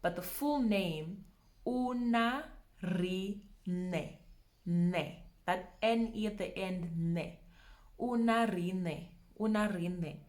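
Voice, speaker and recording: A young woman leads a pronunciation lesson, speaking slowly. She says each word with care, repeats it, and laughs often as she goes. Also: fairly low pitch, darkish tone. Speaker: language teacher.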